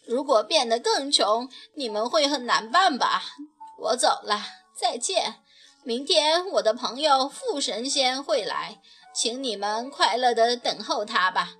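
A woman's voice: fairly high pitch, expressive, a little slow, fairly bright tone, husky, faint music behind, full character voice. A woman voicing a shy, humble old god of poverty who talks bashfully and apologetically in a storybook reading.

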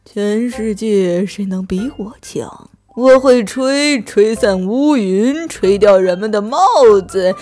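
A woman's voice: mid-range voice, a little mellow, soft background music, lightly acted. A woman voicing a proud wind in a children's story, drawing out her boasts. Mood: boastful. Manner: slow, drawn-out boasting. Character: proud blustering wind spirit.

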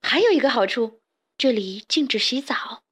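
A woman's voice: fairly high pitch, animated, normal speed, breathy edge. A woman voicing a brave, cheeky young boy chick in a children's storybook.

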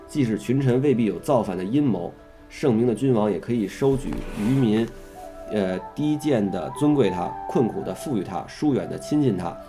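A man's voice: on the low side, lively intonation, moderate pace, over music. A man reading a classical history text aloud, stopping now and then to ask questions and add his own comments.

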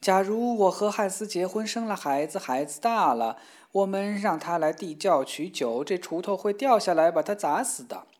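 A woman's voice: lowish voice, animated, moderate pace, a little mellow. A woman voicing a fretful, tearful young woman in a storybook tale, speaking in an anxious, wailing way. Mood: tearful worry.

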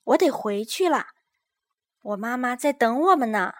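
A woman's voice: fairly high pitch, expressive, normal speed, dry recording, voice pushed up, close to an everyday voice. A woman doing an eager young child. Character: chatty young child friend.

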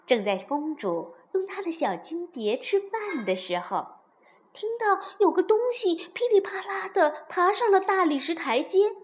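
A woman narrating a children's fairy tale, gentle and expressive. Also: sits high. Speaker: storyteller.

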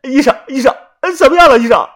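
A storyteller voicing an excitable young man who pleads in a high, cracking voice close to tears, in a storybook reading. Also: brisk. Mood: anxious.

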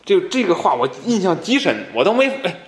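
Mid-pitched storytelling man, lively pitch, roomy sound with faint hiss. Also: a little fast. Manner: laughing storyteller, trails off to a mumble. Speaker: podcast co-host. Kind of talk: casual storytelling chat.

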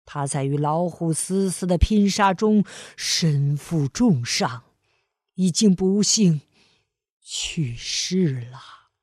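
A woman's voice: fairly low pitch, animated, darkish tone, breathy edge, no room sound, studio quality, pitched below the performer's own voice, exaggerated voice. A woman doing a gloomy, pompous crow sage. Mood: mournful. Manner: solemn, slow and mournful.

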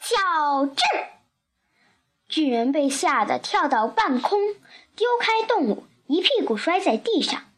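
A woman reading a children's picture book aloud with expressive storytelling narration. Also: high-pitched, measured pace.

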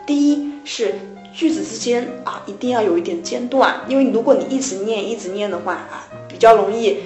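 A woman's voice: a little high, brisk, a little mellow, reverberant, faint music behind. A woman co-hosting a casual English lesson talk, explaining pronunciation points patiently, step by step. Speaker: English tutor co-host. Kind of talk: casual radio-style chat.

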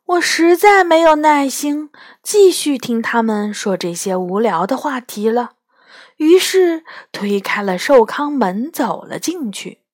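A woman narrating a children's story in first person, with lively, expressive delivery. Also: fairly high pitch.

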